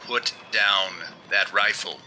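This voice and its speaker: A mysterious crime-fighting avenger in an old-time radio thriller. The voice is low and extremely sharp, stern and theatrically commanding, with faint noise behind it. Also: male voice, fairly even intonation, slow, full character voice. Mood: mocking, commanding. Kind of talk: 1930s radio drama acting.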